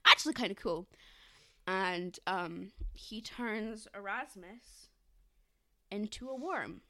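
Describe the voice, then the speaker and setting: Bright-toned woman in casual podcast chat. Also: medium pitch. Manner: quick, rambling, many fillers. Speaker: podcast co-host.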